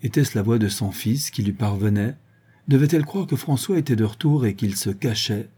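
A man narrating a classic novel aloud in a measured, even reading. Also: medium pitch, slightly rough. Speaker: audiobook narrator.

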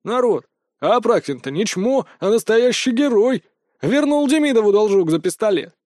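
A man voicing a scrawny, excitable young lad who talks brashly, in an audiobook. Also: high voice, normal speed, no echo, studio quality, voice pushed up. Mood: hyped.

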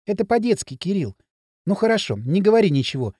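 A male audiobook reader voicing a timid, earnest young girl with a soft, pleading manner. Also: high-pitched, very animated, brisk, breathy edge, dry recording, clean studio sound, full character voice. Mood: earnest, hurt. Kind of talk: audiobook character voice.

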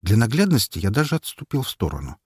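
A man narrating a first-person audiobook in an expressive, tense storytelling manner. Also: lowish voice, fast talker, husky, no room sound, clean studio sound.

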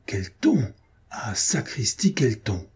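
A man with a mid-range, warm, slightly rough voice speaks a little slowly, voicing a grief-stricken male painter who is obsessive and volatile. The delivery is feverish and exclamatory, yet rapt and murmuring in mood.

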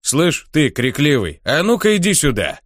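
A man's voice: medium pitch, lively intonation, a little fast, fairly bright tone, no echo, studio quality, pitched above the performer's own voice, natural voice. A man voicing a big rude male orc guardian player, coarse and threatening. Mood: bullying.

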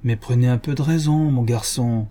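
A man voicing a scheming male tempter in an audiobook, speaking in a soft, coaxing, persuasive way. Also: mid-range voice, normal speed, natural voice. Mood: pressing. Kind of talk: audiobook character voice.

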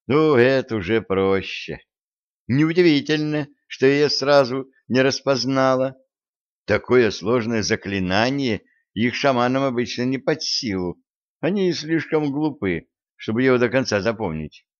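A man voicing a bossy young woman, a witch's granddaughter, in a storybook reading with brisk, commanding talk over dull lo-fi audio. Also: mid-range voice, animated, no echo, voice pushed up, natural voice.

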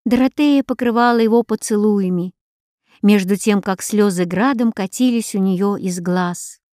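A woman reading a story aloud as an audiobook narrator, in a measured, even manner. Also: medium pitch, no room sound, clean studio sound. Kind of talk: scripted narration.

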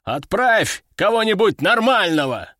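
A man voicing a gruff, short-tempered mustached army general who growls and barks orders. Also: sits high, sing-song, a little slow, a bit bright, no echo, studio quality, exaggerated voice. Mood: angry, barking.

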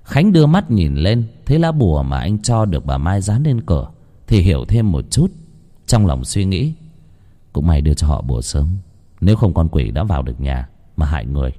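A man narrating a horror story in an expressive, dramatic reading. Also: low voice.

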